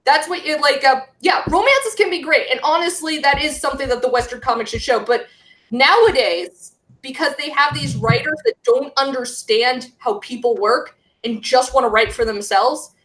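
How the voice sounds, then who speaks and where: A woman's voice: high voice, moderate pace, fairly bright tone. A woman who is a guest on a podcast, chatting casually and ranting at length. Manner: ranting, talkative. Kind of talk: casual chat. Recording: roomy echo.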